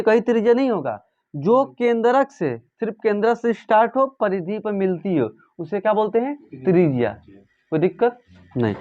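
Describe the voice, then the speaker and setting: High-voiced man teaching math in class. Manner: asks students questions and repeats answers. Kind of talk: classroom lesson. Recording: dull lo-fi sound.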